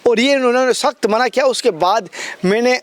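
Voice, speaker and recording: High-pitched vlogger guy talking to his viewers, earnest. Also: moderate pace. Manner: earnest, appealing. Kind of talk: addressing viewers.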